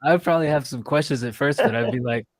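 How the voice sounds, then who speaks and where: A man's voice: medium pitch, fast, no room sound. A young man co-hosting a casual comedy podcast, rambling and laid-back with lots of fillers. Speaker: podcast co-host.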